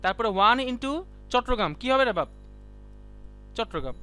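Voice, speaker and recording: A high-pitched man with a bright, sharp tone teaching a live class. He talks casually and keeps calling on students to answer. Soft music plays faintly behind him. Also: lively intonation, moderate pace, clean tone. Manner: chatty, quizzes students by name; colloquial, keeps saying "done" and "see". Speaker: ICT teacher.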